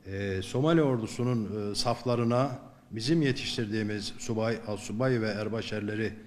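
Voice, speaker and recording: A middle-aged Turkish military commander, a man giving a formal official statement in measured phrases, pausing often between them. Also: lowish voice.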